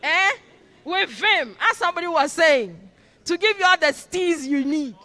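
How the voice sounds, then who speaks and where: Woman, orientation lecturer, high ringing voice, prompts the crowd to finish her sentences, long hall reverb. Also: expressive, a little slow, pushed and bright. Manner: quizzes audience with fill-in "what?" prompts. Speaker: orientation speaker.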